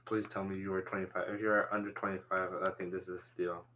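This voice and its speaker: Bright-voiced, lowish young man chatting. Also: flat delivery, fast talker, a little hiss or hum. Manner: slangy, informal, says "bro". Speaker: podcast co-host. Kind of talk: casual banter, football player draft.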